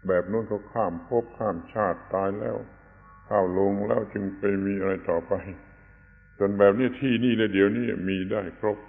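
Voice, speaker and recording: Deep-voiced man giving a tinny, echoing sermon. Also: steady tone, vocal fry. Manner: unhurried, explanatory, stresses correct pronunciation. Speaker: Buddhist teacher. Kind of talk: dharma sermon. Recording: tinny lo-fi recording with long hall reverb.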